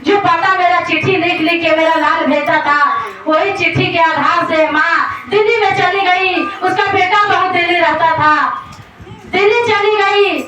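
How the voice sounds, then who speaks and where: A very high-pitched woman tells a devotional folk tale in a plain, repetitive way, circling back over her own words. She sits well away from the mic in a heavily echoing space, with clear noise underneath. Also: steady tone, unhurried. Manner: plain, repetitive spoken retelling. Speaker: storyteller. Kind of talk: devotional folk story narration. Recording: very echoey, from far off, noisy.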